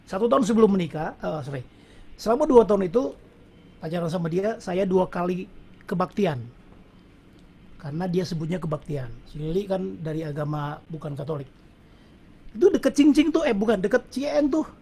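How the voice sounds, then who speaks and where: A man's voice: sits high, expressive, moderate pace, gravelly, long pauses, dark tone, slightly rough. A middle-aged man telling a personal testimony at a prayer meeting in a casual storytelling way, often addressing the audience as brothers and sisters.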